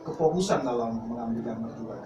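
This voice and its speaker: A man's voice: mid-range voice, quick pace. A male teacher who supervised a school film, giving short, matter-of-fact answers. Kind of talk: casual interview answers. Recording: distant roomy mic with noise.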